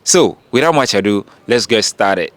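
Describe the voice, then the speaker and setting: A man's voice: on the low side, expressive, normal speed, fairly bright tone, no room sound. A man hosting a casual street interview vlog outdoors, asking short friendly questions. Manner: friendly, brief prompting questions. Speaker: street interviewer and channel host.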